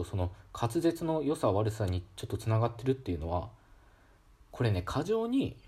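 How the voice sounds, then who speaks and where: A man giving a calm, casual educational talk on pronunciation, demonstrating sounds aloud with frequent fillers. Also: medium pitch, breathy edge. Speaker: solo talk host explaining linguistics.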